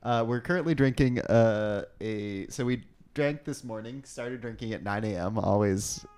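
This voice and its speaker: A man's voice: on the low side, normal speed, darkish tone, smooth. A man from New York hosting a podcast, chatting casually and joking with his guests. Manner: joking, talkative, leads the conversation. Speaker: podcast host. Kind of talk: casual chat.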